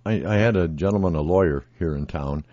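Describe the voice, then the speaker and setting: A man's voice: sits low, brisk, dark tone, no room sound. A man interviewing a guest in a friendly, encouraging conversational way. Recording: dull, dry lo-fi recording.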